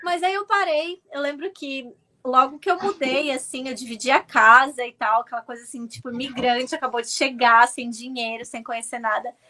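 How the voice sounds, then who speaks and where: Animated high-voiced Brazilian woman. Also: moderate pace. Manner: animated, restarts words often. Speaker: interview guest. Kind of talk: casual storytelling.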